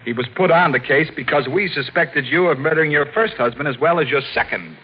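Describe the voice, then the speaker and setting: An actor playing a stern, probing district attorney in a 1940s radio mystery, measured and grave. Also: male voice, a little high, natural voice. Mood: grave accusation. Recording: dull old radio broadcast.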